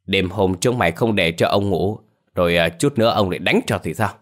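A sharp-tongued middle-aged lady who rules her household, done by a male storyteller. She speaks in a low, firm voice, scolding and ordering her servants, in a narrated ghost story. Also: brisk. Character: stern middle-aged mistress of a rich household, woman.

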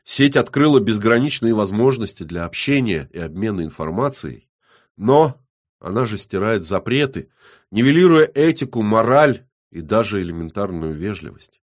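A man narrating an audiobook in a measured, even reading. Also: lowish voice. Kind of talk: scripted narration.

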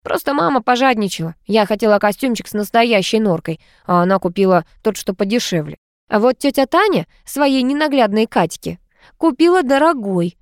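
Whiny, high-pitched voice of a spoiled grown woman from the provinces, as a female audiobook reader puts her on, petulant and stubborn, in a dry close recording. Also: expressive, moderate pace, no room sound. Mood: sulky.

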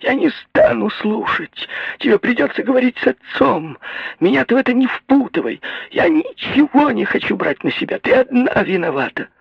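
A panicked middle-aged mother shrieks in a high, piercing wail, as a male audiobook reader puts her on. Her voice sits far above the reader's own and comes out loud, raspy and breathy, on a dull lo-fi recording. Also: sing-song, moderate pace, dry recording, full character voice. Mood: shrieking hysterically. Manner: shrill, wailing, panicked. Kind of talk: audiobook reading.

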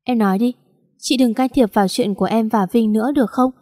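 A woman's voice: on the high side, fairly quick, mellow, no room sound, clean studio sound, natural voice. A woman voicing a wounded, defiant young woman. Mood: bitter. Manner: cold, defiant outbursts.

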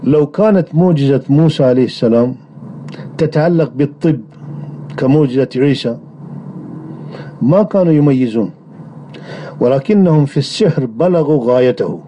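A man delivering a religious lecture on creed in a measured way, often pausing on drawn-out hesitation sounds. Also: mid-range voice, animated, mellow, slight background noise. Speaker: religious teacher. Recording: dull lo-fi recording.

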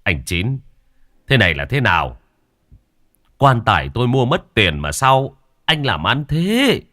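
A man's voice: on the low side, big pitch swings, moderate pace, a bit bright. A man scolding as an indignant old villager. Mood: angry.

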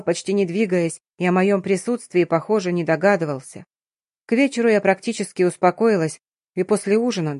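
A woman reading a first-person romance audiobook in a measured, intimate way. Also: lowish voice, darkish tone, no echo, clean studio sound. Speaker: audiobook narrator.

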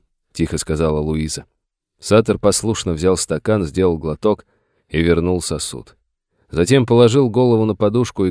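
A man reading a novel aloud as narrator in an even, measured way. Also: sits low, no echo, studio quality. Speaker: audiobook narrator. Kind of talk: scripted narration.

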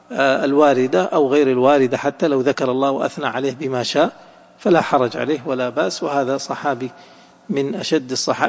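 A man's voice: a little high, long reverb tail, highs cut off. A man teaching a religious lesson, explaining a text line by line and asking his listeners questions to check they follow. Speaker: Islamic scholar teaching hadith.

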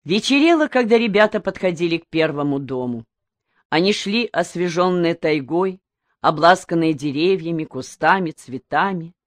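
A woman narrating an audiobook in a calm, expressive reading voice. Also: lowish voice, normal speed, no room sound. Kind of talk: scripted narration.

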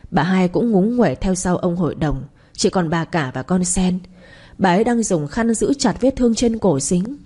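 A woman narrating an audio story in a steady, dramatic storytelling manner. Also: medium pitch, slightly rough.

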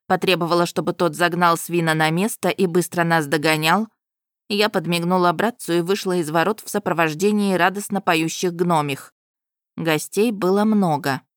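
A woman narrates a fantasy story in the first person, wry and lively. Her voice sits fairly low and sounds dry and close to the mic. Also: no room sound.

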